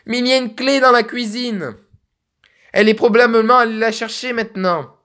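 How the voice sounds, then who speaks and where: A man's voice: very high-pitched, steady tone, normal speed, bright, forceful tone, voice pushed up. A man doing a scared teenage girl. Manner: anxious, pleading. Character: frightened teenage girl, anxious.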